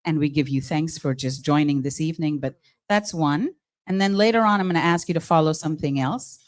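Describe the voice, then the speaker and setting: She hosts the charity night live as its mistress of ceremonies, a Guyanese woman with the accent to match, lively and coaxing the audience. The voice is low and the delivery brisk.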